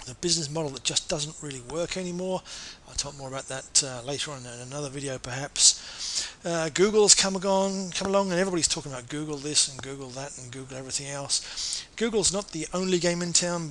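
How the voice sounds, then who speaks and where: A man, a marketing consultant, giving an earnest, persuasive sales pitch and now and then correcting himself mid-sentence. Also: brisk, few pauses, fairly bright tone, rough recording.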